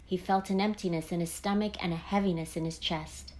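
A woman reading a children's picture book aloud in a gentle, expressive storytelling voice. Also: fairly low pitch, fairly quick. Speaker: storybook reader.

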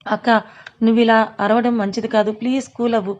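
A woman's voice: fairly high pitch, level tone, brisk, a little mellow, lo-fi sound, close to an everyday voice. A woman reading as a coaxing younger sister. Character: younger sister, pleading for calm.

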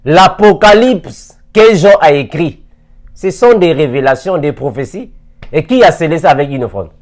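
The speaker is a preacher in his forties, seated in an armchair in an indoor room and recorded on a lapel mic as he teaches on video, throwing rhetorical questions at his audience. His voice runs on the high side, expressive and darkish, at a moderate pace.

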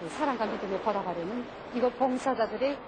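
Female TV reporter, North Korean accent, slightly high pitch. Effusive, formal interviewing with clear location noise. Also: fast talker.

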